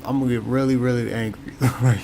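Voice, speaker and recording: Male podcast host, mid pitch, rambling casual delivery, tired edge, faint noise. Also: flat delivery, fast, gravelly. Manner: rambling, repeats words, frequent "you know what I'm saying". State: yawning, tired. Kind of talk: casual chat.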